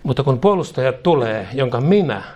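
A man's voice: mid-range voice, expressive, a little mellow, husky. A man preaching a charismatic sermon in emphatic, rhythmic repeated phrases, chuckling now and then.

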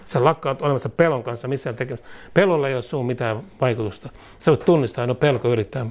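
At a church service, a man with a medium-pitched, darkish voice preaches a charismatic sermon declaring against demons and fear. He speaks in tongues and repeats lines, then leads the congregation through a prayer they echo back line by line.

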